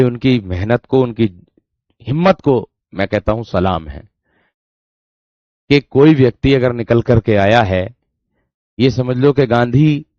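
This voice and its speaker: A man's voice: mid-range voice, darkish tone, dry recording. A man teaching a Hindi grammar class online, who keeps addressing students as dear friends and repeats his phrases. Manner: demonstrates sounds aloud, repeating syllables. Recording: dull dry lo-fi sound.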